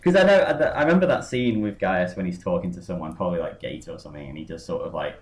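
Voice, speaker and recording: Podcast host guy, low voice, rambly casual chat, echoey room. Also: expressive, fast talker. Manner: rambling, lots of fillers and tangents. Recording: roomy echo.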